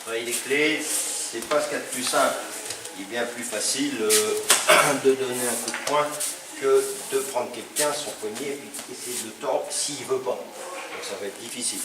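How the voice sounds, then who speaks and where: A man's voice: medium pitch, normal speed. A man teaching a self-defense class, explaining holds step by step while demonstrating on a partner. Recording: echoey hall, distant mic, noisy.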